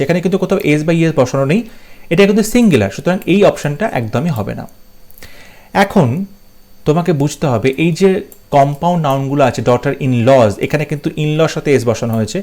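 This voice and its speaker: Higher-voiced man teaching English. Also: a little mellow. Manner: explains step by step, slowing down to read English examples. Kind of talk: exam-prep lesson.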